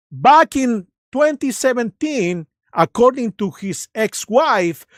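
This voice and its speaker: A livestream host talks slowly and haltingly, improvising commentary on videos. The delivery is mocking and sarcastic, ready to argue. The sound is dry, with hardly any room on the voice. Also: medium pitch, dry recording. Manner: halting, loosely improvised, searching for words.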